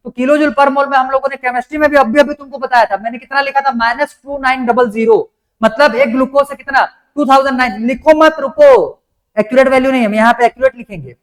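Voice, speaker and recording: A man, teaching a class. He works through each step slowly and often stops to ask whether the students follow. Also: very high-pitched. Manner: explains step by step, keeps asking if it is clear. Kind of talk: classroom lecture.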